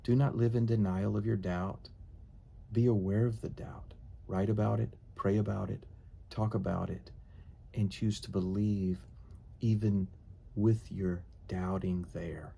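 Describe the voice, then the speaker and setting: Gravelly low-voiced man teaching devotionally. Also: fairly even intonation, measured pace, dark tone.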